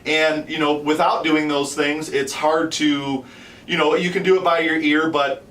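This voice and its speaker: Male instructor, thirties, slightly high voice, explanatory and repetitive; echoey indoor recording with background noise. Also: little pitch movement, measured pace, fairly bright tone. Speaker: host and duck calling instructor. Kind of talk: unscripted instructional talk. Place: small wood-panelled shop room, indoors. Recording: roomy, distant, noisy pickup.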